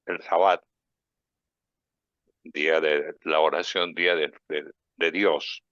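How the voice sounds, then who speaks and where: A man with a very low voice hosts a religious radio program. He leads prayer and reflects on scripture in a reverent, unhurried way. The sound is dry and a little dull, like a lo-fi studio broadcast. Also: fairly bright tone, dry recording. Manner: reverent, unhurried preaching delivery.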